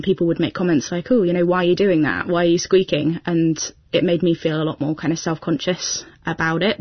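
A young woman recounts her experience as an interview guest in a reflective, plain-spoken way. Her voice is husky with a gravelly edge. The recording is dry and slightly dull. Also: low-pitched, dry recording. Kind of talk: personal account in an interview.

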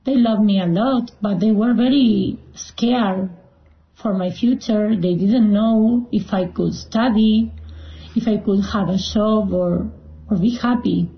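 A young woman from Argentina, a native Spanish speaker, speaking English in an interview with hesitant pauses and fillers. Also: medium pitch. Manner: hesitant, with frequent fillers and restarts. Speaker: guest. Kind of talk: personal account in an interview. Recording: roomy, dull-sounding recording.

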